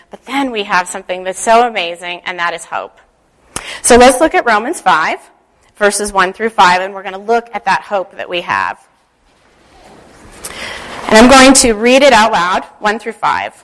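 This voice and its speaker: A woman speaking as a church leader, giving a devotional talk and guided prayer in a gentle, unhurried, instructive way. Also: medium pitch, big pitch swings, rough recording.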